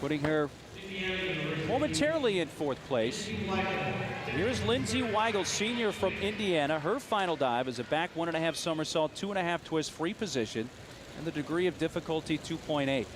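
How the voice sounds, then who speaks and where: A man working as a diving announcer, formally calling dives and scores in measured, clipped phrases. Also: fairly high pitch, animated, noisy background. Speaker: diving meet announcer and commentator.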